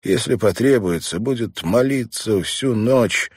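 A man narrating an audiobook in a measured, dramatic reading style. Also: lowish voice, husky, no room sound, clean studio sound. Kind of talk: scripted narration.

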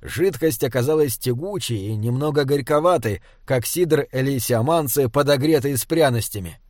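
A man narrating a fantasy audiobook in a steady, even reading style. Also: medium pitch, normal speed, no echo, clean studio sound. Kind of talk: scripted narration.

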